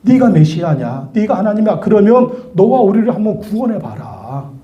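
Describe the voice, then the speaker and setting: A man's voice: high voice, big pitch swings, normal speed, dark tone, roomy sound, highs cut off. A man voicing a bitter condemned thief who mocks from his cross. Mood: sneering. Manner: sneering, challenging.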